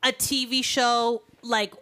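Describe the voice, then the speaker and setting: A woman's voice: on the high side, level tone, slow pace, bright, forceful tone. A woman in her thirties co-hosting a podcast, chatting casually and upbeat with lots of "like". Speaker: podcast co-host. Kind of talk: casual chat.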